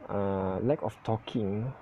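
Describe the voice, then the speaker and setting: A man who is not a native English speaker, recording his first casual podcast on a phone app and talking in a hesitant, halting way with many self-corrections. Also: lowish voice, warm tone, dull audio, slight background noise. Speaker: English learner.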